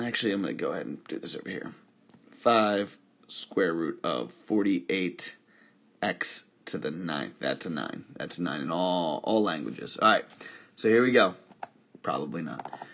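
Husky-voiced male math teacher. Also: sits low, expressive, measured pace, long pauses, fairly bright tone. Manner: talks through steps with self-questions and wry asides. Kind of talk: recorded math lesson at a whiteboard.

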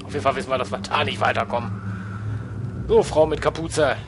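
A man's voice: medium pitch, a little fast, background noise. A man commentating a video game as he plays, muttering to himself and shrieking when startled. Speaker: let's play gamer.

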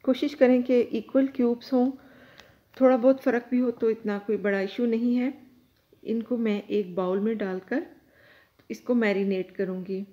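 A woman hosting her own cooking channel, calmly explaining each step of a recipe to viewers from her home kitchen. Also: on the high side, moderate pace, dull audio. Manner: calm, instructive, addresses viewers directly.

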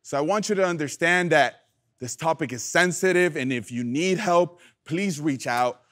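A young man preaching a youth sermon, lively and playful, calling on the audience to answer back. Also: on the high side, moderate pace. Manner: animated, playful, calls for audience response. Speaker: youth pastor.

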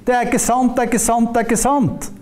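A shrill, jeering spirit of unbelief, as a preacher puts it on. It calls out accusations in a raised, high, mocking voice. The tone stays dark and mellow. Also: male voice, level tone.

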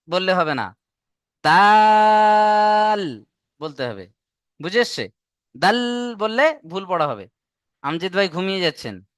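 Man patient online alphabet teacher: high, smooth voice, dry close sound, stretches each letter and quizzes students. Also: a bit bright, no room sound. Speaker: Quran reading teacher. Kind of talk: online Arabic alphabet lesson.

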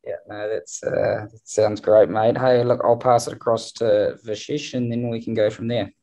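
A man's voice: fairly low pitch, flat delivery, normal speed, warm tone, low-quality recording. A man running a press conference, asking questions hesitantly with many fillers. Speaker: media manager hosting a press conference.

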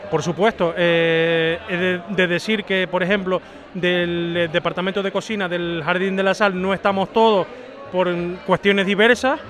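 A man, a head chef answering interview questions through a face mask, halting with frequent restarts. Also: high voice, fairly even intonation, a bit bright. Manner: halting, many restarts and fillers. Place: outdoor town square at a night festival.

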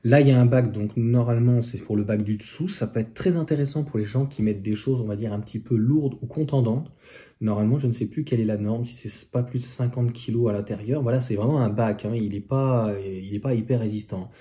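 A man's voice: mid-range voice, a little fast, dark tone. A man reviewing car accessories in a casual, chatty way, with many fillers and restarts. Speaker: electric car vlogger.

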